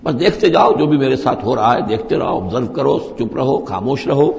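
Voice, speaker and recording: A male religious teacher giving a scripture commentary lecture. He recites verses slowly and then explains them at length. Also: mid-range voice, animated, vocal fry, darkish tone. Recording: dull lo-fi recording in a reverberant hall.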